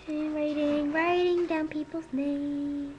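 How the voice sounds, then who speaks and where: A woman narrating a playful toy role-play in a halting, chatty way, recorded on a webcam. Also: high-pitched, flat delivery, dull audio, heavy background noise.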